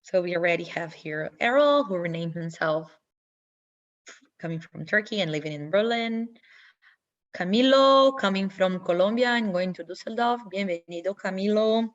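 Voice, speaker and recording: Hosting a webinar on a video call, a young woman from Brazil explains the steps in a friendly, teaching manner, her non-native English showing small slips. Her medium-pitched voice is animated at a moderate pace, and the audio comes through dull.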